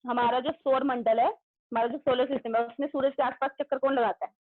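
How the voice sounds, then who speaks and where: A high-pitched woman teaches young pupils in an online class. She speaks loudly, names students one after another and praises correct answers. The audio is tinny and phone-like, with no room echo. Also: fairly even intonation, fast talker. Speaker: school teacher.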